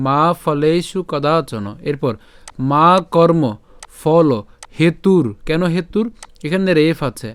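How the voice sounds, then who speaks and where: A man with a smooth, resonant voice sitting a little high for a man, teaching how to pronounce a Sanskrit verse. He chants each line slowly and then breaks it down, asking and answering his own questions. The sound is dry and close, with no room around it. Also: no room sound. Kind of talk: online lesson on verse pronunciation.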